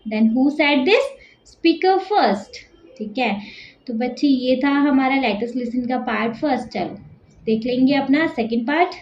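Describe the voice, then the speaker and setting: A woman with an Indian accent teaching a school lesson, reading English slowly and explaining quickly in Hindi. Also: high-pitched, expressive, a little mellow, roomy sound, lo-fi sound, slight background noise.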